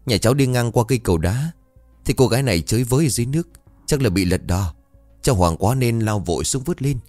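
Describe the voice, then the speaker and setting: A man's voice: medium pitch, expressive, quick pace, darkish tone, dry recording, faint music behind, voice pushed up, natural voice. A man voicing a young village man who speaks in an urgent, breathless way. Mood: anxious.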